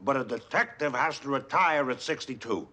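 An actor playing a weary, sarcastic police detective in a 1970s sitcom. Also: male voice, medium pitch, animated, moderate pace, lightly acted. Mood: dry. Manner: dry sarcastic. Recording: hissy 1970s TV with laugh track.

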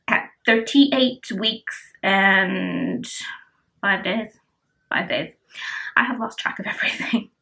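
A woman's voice: on the high side, a bit bright, rough recording. A heavily pregnant woman in her twenties chatting casually to camera as a vlogger, breathless and weary, with emphatic repetition and self-deprecating humour. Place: small furnished room indoors. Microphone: camera at about arm's length.

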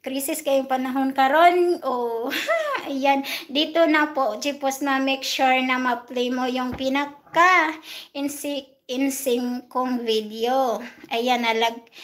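A young woman, hosting a casual livestream and chatting as she reads and thanks viewers one by one. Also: sits high. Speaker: livestream host. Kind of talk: casual livestream chat reading viewer comments.

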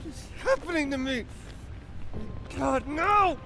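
An actor playing a panicked, defiant younger brother in a video game, crying out in angry anguish. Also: male voice, extremely high pitch, expressive, takes it slowly, exaggerated voice. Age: young adult. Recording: game music and effects behind.

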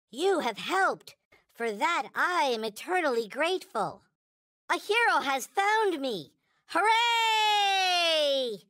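A man's voice: extremely high pitch, pushed and bright, no room sound, clean studio sound, heavily acted. A man voicing a small, polite, earnest toy alien from a video game, speaking in formal, stilted, backwards-ordered phrases. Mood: grateful, delighted. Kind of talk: video game character lines.

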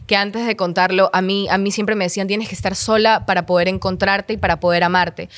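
A young woman in her twenties from Ecuador, telling personal stories as an interview guest in a quick, animated way. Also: medium pitch. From Manabí, Ecuador. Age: 20s. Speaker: guest, actress and comedian. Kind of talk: casual heartfelt chat.

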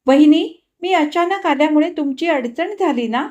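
A woman's voice: high-pitched, expressive, normal speed, a little mellow, lo-fi sound, voice pushed up. A woman voicing a polite, earnest young woman guest who insists on helping.

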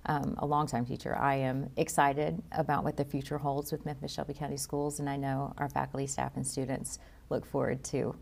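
A middle-aged woman, a longtime teacher, hosting a studio interview with friendly, slightly halting questions. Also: a bass voice, little pitch movement, creaky, a little mellow. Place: school TV studio with bookshelf set.

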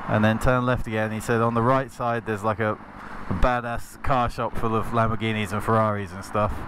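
A man's voice: fairly low pitch, little pitch movement, a little fast. A man casually chatting while riding a motorcycle through city traffic, rambling and swearing freely. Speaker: motovlogger. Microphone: helmet-mounted camera mic. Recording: helmet recording with road and engine noise.

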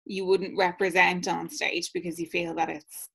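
A woman's voice: fairly low pitch, flat delivery, moderate pace, vocal fry, a bit bright, breathy edge. An Irish woman hosting a podcast, asking curious, probing questions. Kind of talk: casual podcast chat.

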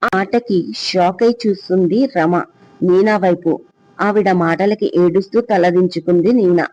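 High-pitched man narrating a story. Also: normal speed. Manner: even, steady reading. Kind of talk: scripted audio story narration. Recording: dull lo-fi sound.

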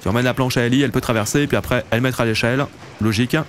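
A man's voice: medium pitch, fairly even intonation, very fast, a little hiss or hum. A man in his late twenties, hosting a let's play and chatting casually to viewers while he plays. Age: late 20s. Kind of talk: casual gameplay commentary.

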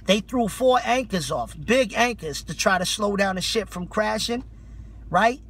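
Sitting inside a parked car, a man in his thirties preaches like a street preacher, giving an off-the-cuff sermon in colloquial slang. His high, slightly bright voice is animated and measured in pace, yet full of urgent, exhorting, fanatical religious zeal.

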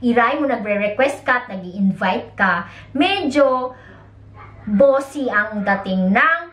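A woman's voice: fairly high pitch, animated, slow, a bit bright, roomy sound. A woman who is a mother, teaching Japanese in a casual spoken lesson, explaining in Tagalog with English words and acting out example lines in a raised voice. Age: young adult or middle-aged, a mother.

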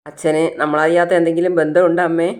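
A narrator voicing a caring young married daughter who talks earnestly and keeps asking questions. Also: female voice, low voice, little pitch movement, quick pace, darkish tone, natural voice.

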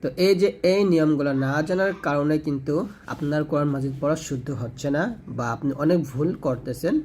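A man's voice: fairly high pitch, brisk, warm tone, slight background noise. A man teaching Quran reading rules in a patient tutorial, repeating points and demonstrating recitation. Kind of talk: explanatory tutorial lesson.

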